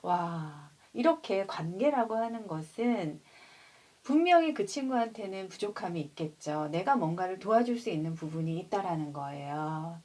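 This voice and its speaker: Expressive woman reading a picture book. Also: lowish voice. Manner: expressive, addresses mothers directly. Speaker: prenatal storyteller for mothers. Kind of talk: picture book read-aloud with commentary.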